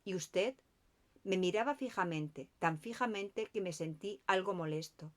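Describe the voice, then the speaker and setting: A woman narrating a mystery novel as an audiobook. Her reading is calm and measured, and her voice sits slightly low. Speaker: audiobook reader.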